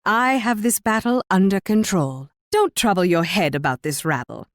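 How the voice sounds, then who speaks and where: A woman's voice: mid-range voice, animated, normal speed, no room sound, studio quality, natural voice. An actress playing an imperious, cruel Spanish warrior queen in a video game, commanding, condescending and taunting. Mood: smug, boastful. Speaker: video game character voice actor. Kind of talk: theatrical video game voice lines.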